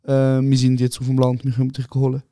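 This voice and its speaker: Ein junger Mann aus der Schweiz mit Schweizerdeutschem Akzent, Co-Host eines Podcasts, der eine Ferien-Anekdote lebhaft und aufgedreht erzählt und andere Leute laut nachspielt. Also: male voice, mid-range voice, fast talker, no echo, clean studio sound. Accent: Swiss German. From Switzerland. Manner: excited anecdote telling, acting out other people with shouts, calls the other host "Bro". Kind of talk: casual chat, animated storytelling.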